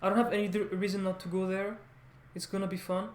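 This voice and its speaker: Echo from the room frames the voice of a high-pitched man speaking in a level tone to his viewers. This French-speaking vlogger and language learner talks unscripted, faltering, circling back and repeating words as he goes.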